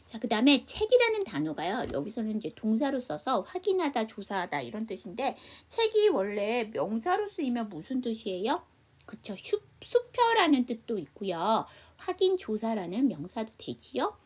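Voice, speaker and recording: A woman's voice: a little high, wildly swooping pitch, moderate pace. A woman teaching an English class online, explaining step by step and answering her own questions to the class.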